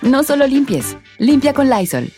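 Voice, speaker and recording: A woman reading a scripted ad in a friendly, polished pitch. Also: big pitch swings, moderate pace, dark tone, faint music behind. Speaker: ad announcer. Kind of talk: scripted radio ad.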